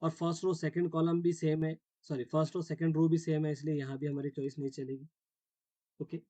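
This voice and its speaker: A man's voice: a little high, little pitch movement, a little fast, warm tone, no echo. A man teaching a math class step by step, often checking that students follow and mixing English terms into his Hindi. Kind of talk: classroom lecture.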